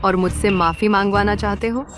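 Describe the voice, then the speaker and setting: An actress dubbing a rude, spiteful young wife who insults and sneers. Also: female voice, mid-range voice, steady tone, a little fast, lightly acted. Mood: sneering. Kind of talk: Hindi drama dubbing. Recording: dialogue over music.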